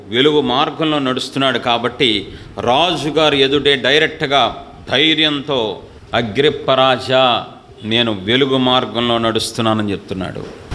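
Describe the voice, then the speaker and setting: A man's voice: mid-range voice, pushed and bright. A male pastor preaching a fiery sermon, scolding with rhetorical questions and acting out quoted voices. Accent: Telugu.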